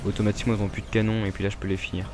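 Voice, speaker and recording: Casual French gamer rambling over gameplay. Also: male voice, lowish voice, level tone, racing, music in the background. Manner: rambling, filler-heavy, addresses viewers directly. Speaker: gaming YouTuber.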